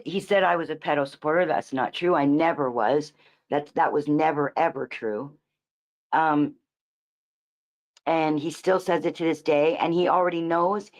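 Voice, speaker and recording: A woman streamer giving rambling, profane commentary, restarting her sentences often. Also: fairly low pitch.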